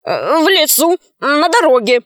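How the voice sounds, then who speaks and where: A cowardly, lying ogre, as a woman reader puts him on squeals his excuses in a high, frantic voice. Slow storybook reading, heard dry and close. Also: animated, fairly bright tone, no echo. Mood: panicky. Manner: squealing, panicky, defensive.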